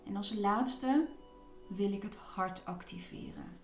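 Female relaxation guide, slow instructive delivery with gentle repeated cues, echoing room. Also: mid-range voice, faint music behind. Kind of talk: guided body relaxation and breathing meditation.

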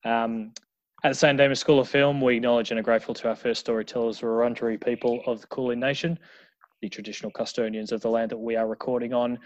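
Male podcast host, broad Australian accent, casual banter, medium pitch, slightly dull home recording. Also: level tone, fast, no echo.

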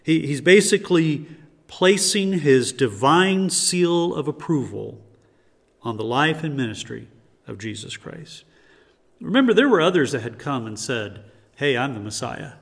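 A man's voice: on the high side, very animated, measured pace, creaky, long reverb tail. A man preaching a sermon as pastor, earnest, often restarting his words. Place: church sanctuary.

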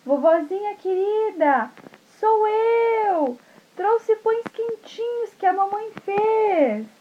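Woman doing a sweet little red-hooded girl, very high and slow, storybook. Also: animated, narrow, tinny audio, slight background noise, heavily acted. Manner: high, drawn-out childlike voice.

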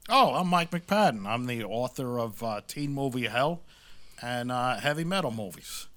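A man's voice: mid-range voice, animated, moderate pace, fairly bright tone. A man in his fifties from New York City, hosting a casual podcast chat. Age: 50s. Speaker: podcast host, author.

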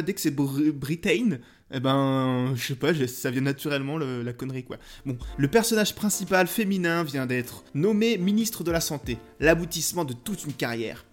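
A young man talks casually about films for his podcast, joking at his own expense. His voice sits a bit high and he trips over himself with hesitant fillers. Quiet music plays behind him. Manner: playful, self-mocking, many filler "euh"s. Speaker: podcast host reviewing films. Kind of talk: casual comic monologue.

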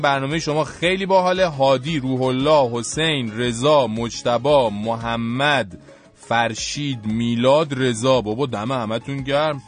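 A man's voice: mid-range voice, fairly bright tone. A man hosting a radio show, reading listener messages in a joking, chatty way. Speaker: radio host.

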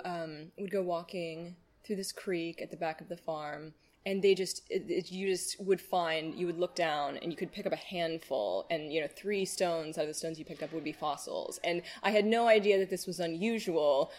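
A woman with a lowish voice speaks in a loose, casual style. She rambles playfully and uses plenty of slang. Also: steady tone, normal speed, a little mellow. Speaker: festival guest being interviewed, poet. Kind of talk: casual chat.

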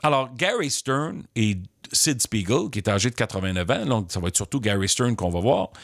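A man with a Quebec French accent hosting a podcast, giving measured, opinionated commentary on the business of sports. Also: medium pitch, very animated, gravelly, dry recording, clean studio sound. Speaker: podcast host.

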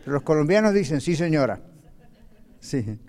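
A man teaches a Bible class at church, talking conversationally with the group and checking in with "¿ok?" to make sure everyone follows before reading the scripture passage aloud. His fairly high voice is mellow and sing-song, and a long hall reverb trails each phrase.

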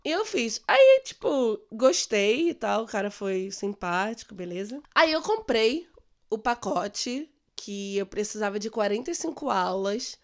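A woman in her late twenties from Brazil, telling a personal story in a chatty, animated way on her vlog. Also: a little high, measured pace. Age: late 20s. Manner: chatty, animated retelling with quoted dialogue. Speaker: vlogger. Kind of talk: casual storytelling.

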